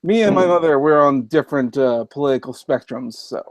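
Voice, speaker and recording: A man's voice: medium pitch, animated, fairly quick, dry recording. A man on a livestream telling rambling anecdotes and imitating other people's voices. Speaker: stream guest. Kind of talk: casual chat.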